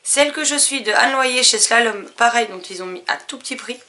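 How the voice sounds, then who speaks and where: A woman casually listing her new books, chatty and relaxed, with frequent fillers. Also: on the high side, a little fast. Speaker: book vlogger. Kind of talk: casual book haul chat.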